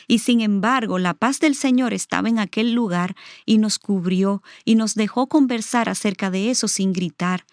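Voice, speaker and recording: A woman's voice: mid-range voice, no room sound, studio quality. A middle-aged woman, a guest on the show, telling a personal testimony in an earnest, reflective way. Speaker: interview guest.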